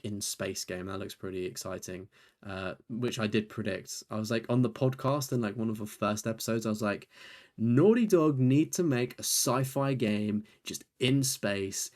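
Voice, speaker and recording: A young British gaming YouTuber runs casually through a trophy list, rambling and poking fun at himself. He's tired and his voice is nearly gone, sitting fairly low with a darkish tone at a normal speed.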